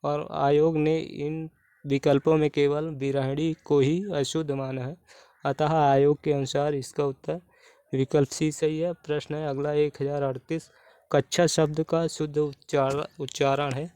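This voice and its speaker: A Hindi exam-prep teacher methodically works through spelling questions, restating each answer. His smooth, clear, fairly high male voice is flat and even at a measured pace, recorded close and dry with no room sound.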